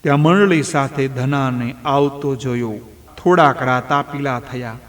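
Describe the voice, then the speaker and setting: Slow, measured male storyteller. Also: mid-range voice, fairly bright tone. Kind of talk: devotional folk story narration. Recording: long hall reverb.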